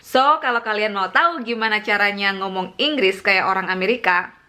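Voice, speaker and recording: Indonesian-accented woman vlogger, bright voice, casual bilingual lesson with slow word demos. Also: mid-range voice. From Surabaya, Indonesia. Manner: switches between Indonesian and English, slows down to demonstrate words. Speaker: vlogger teaching English pronunciation.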